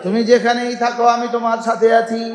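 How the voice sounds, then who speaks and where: A man's voice: very high-pitched, completely flat delivery, fairly quick, crowd noise. A man preaching an Islamic sermon, repeating phrases in a rhythmic way, reciting Arabic verses and asking the listeners questions. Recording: echoey hall sound.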